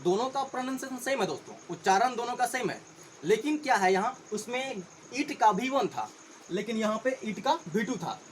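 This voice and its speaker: A man's voice: extremely high pitch, expressive, moderate pace, a little hiss or hum, poor audio. A man teaching English vocabulary in Hindi. He spells each word out letter by letter, repeats it, and often calls his viewers friends.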